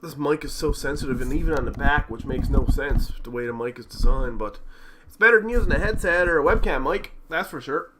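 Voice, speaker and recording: A man's voice: fairly high pitch, a little fast, bright, forceful tone. A man co-hosting a casual game stream, rambling with filler words into a desktop mic. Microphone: desktop USB condenser mic. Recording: faint computer fan hum.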